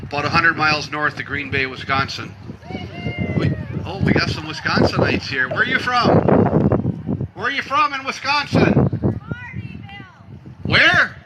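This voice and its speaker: Over a PA on an outdoor festival stage, a Michigan man emcees a timber show, wisecracking, poking fun at himself and teasing the crowd. His voice is on the high side and expressive, his pace moderate, and the audio is very noisy.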